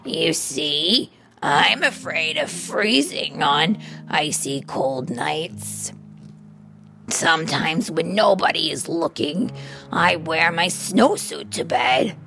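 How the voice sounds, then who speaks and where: Woman doing a slow, growly polar bear. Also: sits low, lively intonation, gravelly, a bit bright, soft background music, pitched below the performer's own voice, full character voice. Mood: gruff. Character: big, gruff male polar bear.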